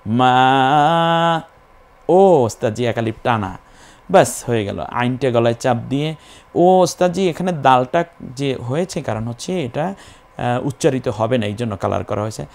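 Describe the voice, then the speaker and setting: Man, Quran recitation teacher, patient, slow drawn-out syllables, medium pitch. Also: animated, vocal fry, darkish tone. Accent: Bangladeshi Bengali. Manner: patient, repeats syllables slowly, stretches vowels in recitation. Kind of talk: recitation lesson, spelling and drawn-out chanting.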